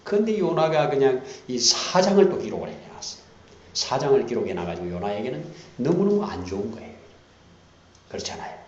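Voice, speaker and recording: A man pastor preaching a sermon, swinging from hushed whispers to loud emphatic lines and repeating key phrases for emphasis. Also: medium pitch, big pitch swings, a little fast. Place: church sanctuary. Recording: dull roomy church recording with faint hiss.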